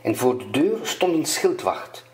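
Slow older man telling a fairy tale. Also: mid-range voice, very animated. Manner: slow, measured storytelling. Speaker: storyteller. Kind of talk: reading a fairy tale aloud. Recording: roomy echo.

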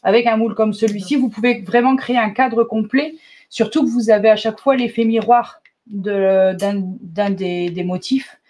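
A woman running a live shop presentation, chatty and enthusiastic, often filling pauses with little interjections. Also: a little high, steady tone, darkish tone. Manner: chatty, enthusiastic, fills pauses with "hop" and "euh". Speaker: shop owner presenting new products. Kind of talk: live product demonstration.

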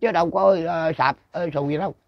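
An older man with a Southern Vietnamese accent spins a rural ghost story, circling back and repeating himself as he goes. His voice sits a little high, and it is recorded dry and close with no room echo. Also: brisk, gravelly, dull audio. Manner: rambling, repetitive, with frequent restarts. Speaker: storyteller interviewee. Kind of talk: casual folk storytelling.

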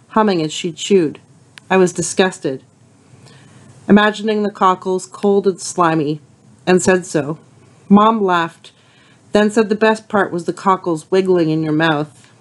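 Woman reading a novel aloud, lowish voice. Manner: unhurried, with frequent ums and uhs between passages.

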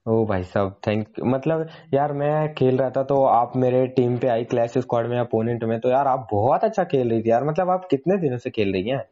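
A man's voice: mid-range voice, moderate pace, few pauses, dark tone, lo-fi sound. A man hosting a gaming channel, chatting casually and pleading persistently over in-game voice chat.

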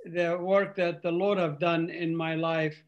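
A man's voice: fairly high pitch, little pitch movement, dull audio. Earnest older man. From Palestinian, raised in Saudi Arabia and Qatar. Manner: earnest, halting with frequent uhs. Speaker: ministry speaker. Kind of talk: testimony on a video call. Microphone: video call.

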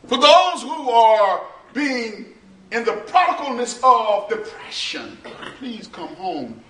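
Middle-aged man, pastor, sermon in a small church, bright voice, slow build to shouting, roomy and distant sound. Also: very high voice, sing-song, slight background noise. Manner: slow, preachy, rises to shouting and half-singing. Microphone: far camera, no mic seen. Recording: roomy church echo from far off.

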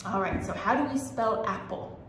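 Hosting a children's storytime as a librarian, a woman with a mid-range voice reads aloud expressively at a normal speed, exclaiming and speaking straight to her young listeners. The room sounds echoey, with faint background noise.

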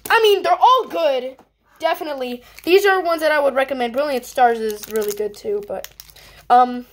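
A woman vlogging casually as she opens trading cards, chatty and excitable, swinging quickly between groans and cheers. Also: high voice, slight background noise. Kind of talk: casual unboxing chat.

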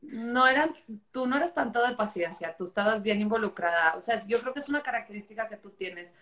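A woman's voice: fairly high pitch, lively intonation, brisk, fairly bright tone. A woman with a Mexican accent, hosting a casual video chat and asking encouraging questions. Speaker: host, interviewer. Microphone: video call.

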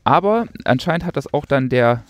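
A man's voice: medium pitch, lively intonation, moderate pace, no echo. A man co-hosting a casual podcast, talking sarcastically and rambling with many fillers. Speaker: podcast co-host. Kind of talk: casual chat.

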